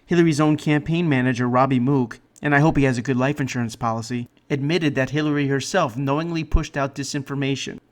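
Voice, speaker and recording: A man hosting a political commentary show, delivering mocking jokes in a sarcastic, deadpan way. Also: medium pitch, quick pace, few pauses.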